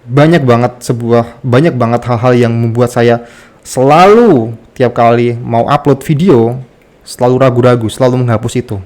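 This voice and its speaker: A man's voice: medium pitch, normal speed, a little mellow. A man with a slight lisp on his r, candidly telling a self-deprecating personal story to camera as a content creator.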